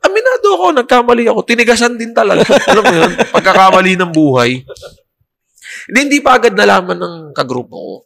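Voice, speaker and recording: Podcast guest, male, lively pitch that jumps all over, telling a story in a reverberant room. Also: fast talker, creaky. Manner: animated, laughing, acts out quotes with curses. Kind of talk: casual storytelling chat.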